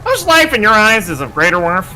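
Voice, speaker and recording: A man's voice: high-pitched, big pitch swings, fairly quick, bright, forceful tone, pitched above the performer's own voice, exaggerated voice, poor audio. A man voicing a callous, arrogant male researcher in formal, haughty speech, reading a video game's dialogue aloud. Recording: faint game music behind.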